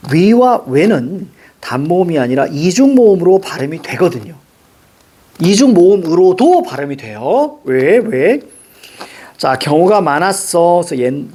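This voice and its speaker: Male teacher, husky and high-pitched, lively lecturing style that keeps quizzing the class. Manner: animated, asks the class questions constantly. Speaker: Korean language teacher.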